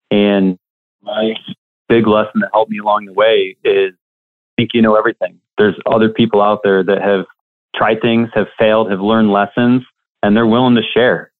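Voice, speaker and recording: A man who coaches staffing businesses, telling a candid, reflective story in an interview. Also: lowish voice. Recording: tinny phone-like line.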